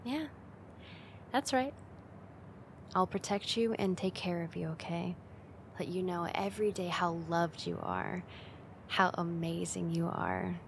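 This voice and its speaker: Close-miked with a bit of background noise, this ASMR roleplay features an actress as a young roommate who teases with affection. Her mid-range voice is gravelly and unhurried, and she sounds intimate, giggly and slowly coaxing.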